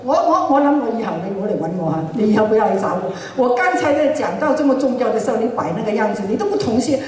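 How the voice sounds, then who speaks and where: A woman preacher telling a personal testimony in a sermon, animated and often laughing as she speaks. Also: a little high, quick pace. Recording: echoey hall, mic far off.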